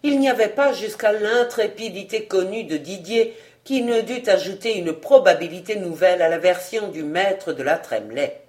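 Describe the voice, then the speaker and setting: A volunteer reader narrating a classic novel as an audiobook in a steady, expressive way. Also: medium pitch, normal speed.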